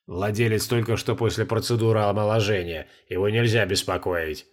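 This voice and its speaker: A gruff court mage, voiced by a male narrator, grumbles in a deep, lowered voice, quiet and held back. He sounds proud and put out, booming softly rather than shouting. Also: fairly even intonation, brisk, close to an everyday voice. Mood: grumbling. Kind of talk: audiobook character voice.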